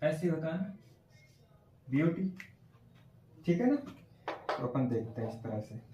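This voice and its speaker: A male teacher giving a classroom lesson on phonetic transcription, slowly sounding out words and often checking whether students follow. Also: a little high, big pitch swings, noisy background. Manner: slow, repeats sounds and checks understanding often. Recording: echoey room from far off.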